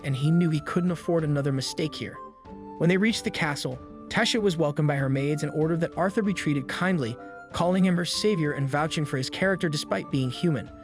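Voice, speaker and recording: A man with a somewhat high voice narrates a recap in a steady, scripted storytelling manner. Faint music plays quietly under his voice throughout.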